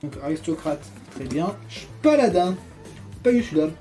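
A man's voice: on the high side, big pitch swings, normal speed, warm tone, soft background music. A man giving casual, jokey unboxing commentary, reading card captions aloud as he goes. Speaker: YouTuber opening trading cards.

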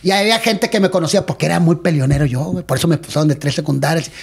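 Rapid-fire man. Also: a little high, gravelly, slightly rough. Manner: rapid, animated storytelling with sound effects and acted-out quotes. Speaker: guest, retired wrestler. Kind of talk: casual storytelling interview.

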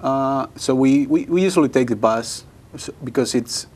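A young man from Spain speaks English with a Spanish accent in a mid-range voice. His answers are short and halting, with frequent restarts. He is recorded on a lapel mic in a small studio. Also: mid-range voice, a little mellow, slightly rough. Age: young adult. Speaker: exchange student.

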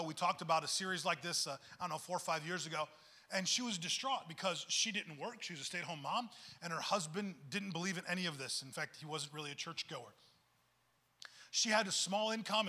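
A man's voice: high voice, pushed and bright. A male pastor preaching a sermon in an earnest, conversational way, often repeating words as he goes.

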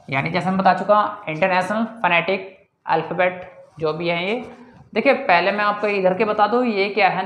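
A man teaching English pronunciation in a casual spoken lesson, slowly repeating example sounds and often calling his viewers guys. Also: high-pitched. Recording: roomy echo.

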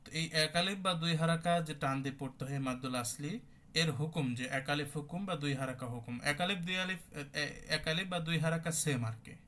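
In an online tajweed class, a man with a slightly high, fairly bright voice walks through Quran recitation rules step by step. He checks often that listeners understand and chants example words with drawn-out recitation.

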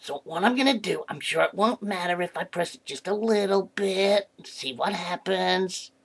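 A man's voice: sits high, normal speed, breathy edge. A man voicing a friendly, curious male puppet in a children's puppet show, chatty and playful. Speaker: puppet character.

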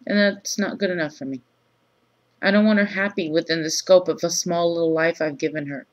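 A woman in her thirties who has just woken up, talking groggily and haltingly in a low-key, casual, confessional vlog. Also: fairly even intonation. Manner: halting, pausing often mid-thought. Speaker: vlogger. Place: small room indoors. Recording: dull lo-fi webcam sound.

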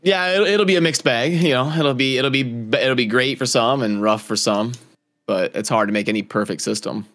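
Man, mid-pitched voice, relaxed and easygoing, casual podcast talk. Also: moderate pace.

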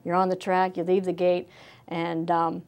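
A middle-aged woman, a former jockey telling stories in an interview, animated and full of restarts. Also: fairly low pitch, moderate pace, smooth. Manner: animated storyteller, many restarts. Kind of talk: casual storytelling interview.

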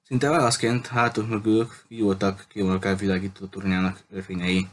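A man reading a novel aloud in a steady, measured way. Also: fairly low pitch. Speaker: audiobook reader.

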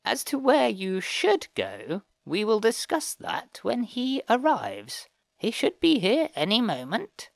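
A man doing a slow, stately elder woman. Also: sits high, huge pitch swings, creaky, no room sound, voice pushed up, full character voice. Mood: measured. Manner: slow, measured, formal. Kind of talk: audiobook character voice.

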